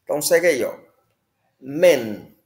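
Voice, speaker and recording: A man's voice: on the high side, expressive, measured pace, a little mellow, roomy sound. A man teaching the Hebrew alphabet, patiently repeating words and checking in with listeners. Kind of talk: slow classroom explanation.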